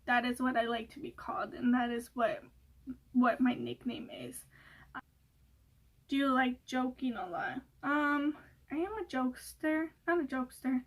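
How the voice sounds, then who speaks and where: A woman's voice: high-pitched, steady tone, unhurried. A young woman vlogger chatting casually through a Q&A, rambling with many fillers and laughing often. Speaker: beauty vlogger. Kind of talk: casual Q&A chat.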